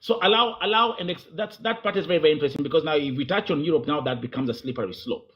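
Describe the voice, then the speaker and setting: This Kenyan-accented man questions a guest before a crowd, pressing forcefully and saying things again to claim the floor. He talks rapid-fire in a slightly high voice, and the recording sounds muffled.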